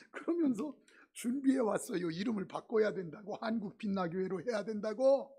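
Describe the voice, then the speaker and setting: A man's voice: sits high, expressive, moderate pace, mellow, husky. A middle-aged male pastor preaching a sermon in a church, mixing humorous stories with emphatic points. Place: church sanctuary.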